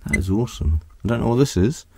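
A man's voice: lowish voice, animated, quick pace, heavy background noise. A man walking through a ruined house outdoors and musing aloud about what he finds. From Australia. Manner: curious, musing aloud, thinking on his feet. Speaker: exploration vlogger. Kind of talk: casual walkthrough narration.

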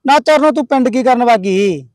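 A man's voice: very high voice, lively intonation, normal speed, dry recording. A man playing a sleazy, boastful village headman, with a Punjabi accent. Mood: coaxing. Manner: coaxing, boastful. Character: sleazy village headman, smooth-talking philanderer.

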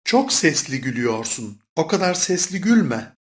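A speaker reading short phrases for a language course in a measured way. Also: medium pitch, very animated. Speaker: Turkish phrase reader.

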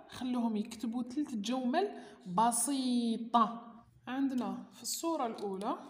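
Echoey Algerian woman explaining homework. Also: on the high side. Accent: Algerian Arabic. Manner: patient and explanatory, reads items aloud then explains them slowly. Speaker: teacher explaining a homework sheet to parents. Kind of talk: explaining a school worksheet. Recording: echoey room with long reverb.

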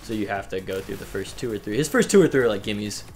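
A young man hosting a casual let's-play, excitable, laughing often and swearing casually. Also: fairly low pitch, fast. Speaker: gameplay host.

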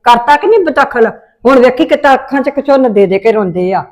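A woman's voice: high-pitched, expressive, fairly quick. A middle-aged woman with a Punjabi accent, acting a firm, scolding mother in a family drama.

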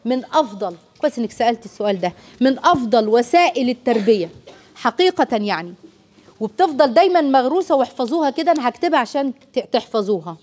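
A woman with an Egyptian accent giving a parenting lecture to an audience, lively and slipping into children's voices. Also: on the high side, quick pace.

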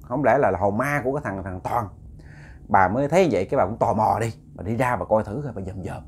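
A man's voice: fairly low pitch, fast, a little hiss or hum. Southern vietnamese guy telling a ghost story, chatty, talks right to the listeners. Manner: conversational, addresses listeners directly. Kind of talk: casual storytelling.

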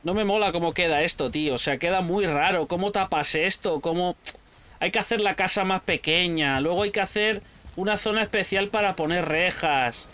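A man with a Spain Spanish accent giving casual, excitable gameplay commentary, shouting at pets and swearing freely. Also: high-pitched, moderate pace. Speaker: gaming channel host.

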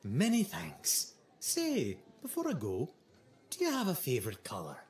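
A man's voice: a little slow, gravelly, echoey room, slight background noise, heavily acted. An actor playing a proud, touchy male painter with a lilting Scottish accent and a genial manner. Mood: polite. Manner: lilting, genial, lively swings in pitch.

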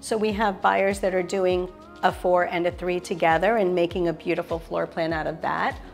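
Indoors in the kitchen of a show apartment, a middle-aged woman gives an enthusiastic, polished real estate sales tour, listing features one after another. Her voice is on the low side, steady and creaky, at a moderate pace, with soft music in the background.

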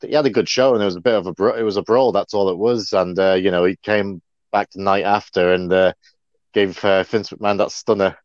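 A man with a somewhat low voice co-hosts a casual livestream, rambling along with plenty of fillers. His sound is dry and dull, like a lo-fi mic in a dead room. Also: steady tone, a little fast, dry recording. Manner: chatty, rambling, many fillers. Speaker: co-host.

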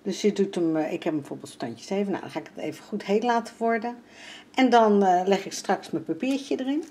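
A woman's voice: medium pitch, expressive, brisk, mellow, slight background noise. An older woman from the Netherlands chatting casually in a home vlog, with plenty of fillers as she walks through her sewing and cooking. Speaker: vlogger. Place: home interior.

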